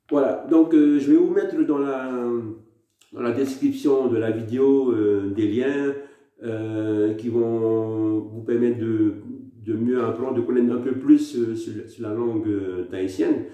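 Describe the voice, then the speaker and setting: Hosting an informal language lesson, a French Polynesian man explains one word at a time, slowly and with frequent pauses. His voice is mid-range and warm, and the recording has strong room echo.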